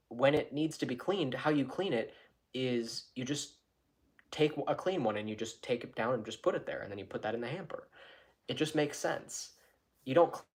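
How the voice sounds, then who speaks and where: A man talking to his channel from his own room in a loose, rambling vlog chat, often restarting and correcting himself. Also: medium pitch. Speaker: YouTuber.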